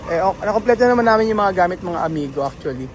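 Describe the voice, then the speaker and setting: A man's voice: high-pitched, expressive, fast talker, a little hiss or hum, low-quality recording. A man from the Philippines vlogging casually in a house under renovation, chatting to his viewers with many fillers and restarts. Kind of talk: casual vlog commentary to viewers.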